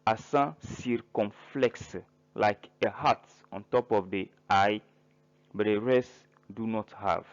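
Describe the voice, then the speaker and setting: A man teaching a French grammar lesson in English, listing verbs slowly and spelling out word endings letter by letter. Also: on the low side, dull audio. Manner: spells words out letter by letter, pauses between listed verbs. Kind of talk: slow grammar lesson narration.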